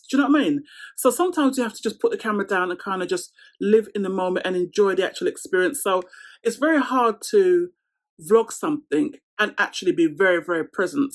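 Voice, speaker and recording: A woman in her thirties from London with a London accent, chatting casually to camera in a Q&A vlog and laughing often. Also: medium pitch. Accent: London English. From London, England. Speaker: vlogger.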